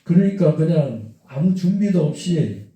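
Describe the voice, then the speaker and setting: A man recounts his life story in an earnest, unhurried way, with many fillers between his thoughts. His voice is dark and mellow. It echoes heavily and sounds set back from the mic. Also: on the high side, sing-song. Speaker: interview guest. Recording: echoey room, voice from a distance.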